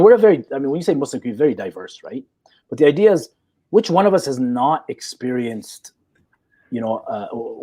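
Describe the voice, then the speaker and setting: A man's voice: medium pitch, mellow, husky. A man in his forties, a psychologist in a live chat, talking assertively and checking in with "okay?" as he explains. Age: 40s. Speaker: guest psychologist.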